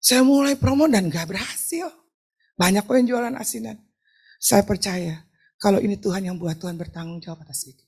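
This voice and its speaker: A middle-aged woman pastor from Indonesia preaching a lively, joking sermon with a personal testimony, often asking the crowd to answer back. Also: medium pitch, fairly quick, husky. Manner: chatty, joking, asks the crowd for replies; acts out quoted talk in shifting voices. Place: church hall.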